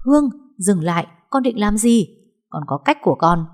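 A woman's voice: mid-range voice, lively intonation, moderate pace, darkish tone, voice pushed up, lightly acted. A woman voicing a weary mother who coaxes her daughter to accept what has happened. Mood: coaxing.

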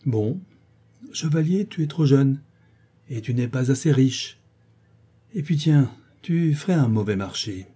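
Guy putting on a cheeky young dancer girl, scolding and playful, kinda husky, storybook reading. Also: medium pitch, animated, a little slow, long pauses, warm tone. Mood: chiding. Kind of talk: audiobook character voice.

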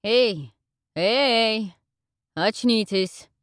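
A woman's voice: fairly low pitch, lively intonation, moderate pace, darkish tone, no room sound, clean studio sound, natural voice. A woman voicing a rude, brutish male king who growls threats and scorn, in an audiobook reading. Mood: menacing.

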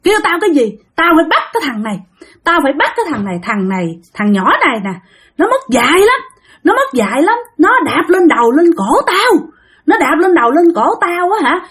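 A shrill, enraged male spirit howls accusations in a Southern Vietnamese accent, as a woman puts him on in a spoken ghost story. The voice leaps high and swings wildly, with a breathy, husky edge. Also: expressive, a little fast, few pauses. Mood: furious. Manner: screaming, scolding, accusing. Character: furious vengeful male spirit possessing a boy.

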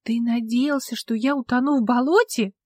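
A woman's voice: steady tone, moderate pace, no echo, clean studio sound, close to an everyday voice. A woman doing a frightened tearful young woman. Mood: accusing. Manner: shaky, stammering, rising to shrill outbursts.

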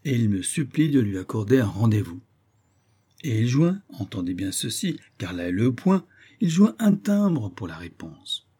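A man reading an audiobook, voicing an excitable eccentric sleuth who talks theatrically, like a street hawker. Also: lowish voice, moderate pace, slightly rough. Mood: insistent. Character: excitable eccentric middle-aged male sleuth.

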